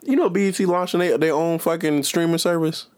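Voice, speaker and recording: A man's voice: fairly high pitch, steady tone, brisk, darkish tone, clear, resonant tone. A man co-hosting a podcast in casual chat, laid-back and profane, rambling with lots of fillers. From Southern United States. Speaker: podcast co-host.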